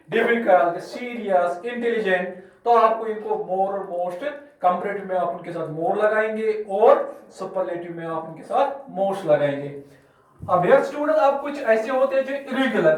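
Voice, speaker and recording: A male teacher from Kashmir explaining grammar to his class slowly, repeating examples and spelling words out letter by letter. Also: sits high. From Kashmir, India. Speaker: school English teacher. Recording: echoey room, mic far off.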